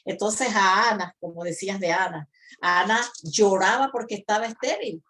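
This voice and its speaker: A woman's voice: medium pitch, moderate pace, bright, forceful tone. Give me a woman co-host in a Bible talk, earnest and encouraging, speaking directly to listeners. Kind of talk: Bible discussion.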